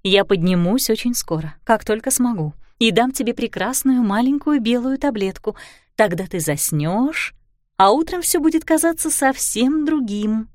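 A woman voicing a stepmother who coaxes and firmly calms a frightened girl. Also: on the high side, moderate pace, no room sound, studio quality, lightly acted. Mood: gentle. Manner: coaxing, then commanding. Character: firm, soothing young stepmother.

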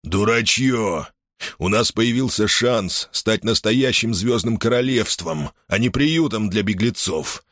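A man voicing a stern, commanding alien pirate leader who speaks harshly and forcefully in an audiobook. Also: medium pitch, big pitch swings, normal speed, dry recording, clean studio sound, voice pushed up.

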